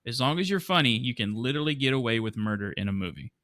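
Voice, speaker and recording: A man's voice: medium pitch, lively intonation, quick pace, a bit bright, no room sound, clean studio sound. A man hosting a movie podcast, chatting casually and laughing often. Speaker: podcast host.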